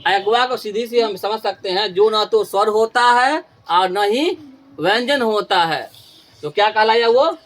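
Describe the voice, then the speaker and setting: A man's voice: high-pitched, fairly bright tone. Man drilling students with call-and-response. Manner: repeats questions and answers in call-and-response drills; stretches key terms slowly for emphasis. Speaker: Hindi grammar teacher. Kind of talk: classroom lesson.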